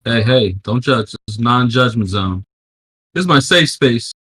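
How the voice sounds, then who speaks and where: A man's voice: mid-range voice, animated, measured pace, a bit bright, breathy edge, dry recording. A young man co-hosting a gaming podcast, blunt and wisecracking in an easygoing way. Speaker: podcast co-host. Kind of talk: casual gaming podcast chat.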